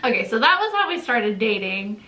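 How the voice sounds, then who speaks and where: Young woman, co-host, casual animated storytelling, bright tone, roomy echo. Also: a little high, normal speed. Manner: animated, acts out quotes, laughs often. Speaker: channel co-host. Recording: echoey room.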